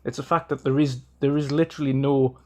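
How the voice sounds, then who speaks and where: Co-hosting a casual gaming podcast, a man with a Geordie accent argues his point earnestly, with frequent ums and restarts. His medium-pitched voice is dark in tone, fast and fairly even in intonation.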